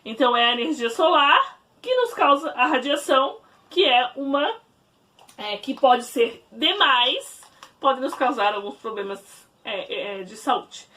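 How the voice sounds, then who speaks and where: A woman teacher giving a recorded class from home, explaining slowly to children and often checking in with "né?". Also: high voice, lively intonation, distant mic. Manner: warm didactic, explaining slowly to children with frequent "né?". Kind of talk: recorded remote class lesson. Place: at home, in her bedroom.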